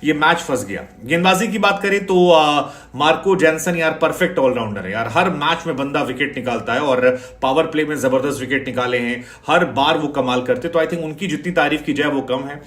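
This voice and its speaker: A man's voice: on the high side, normal speed, hardly any pauses, a bit bright, roomy sound. A man giving a chatty, sarcastic cricket match analysis, dropping English phrases into his talk.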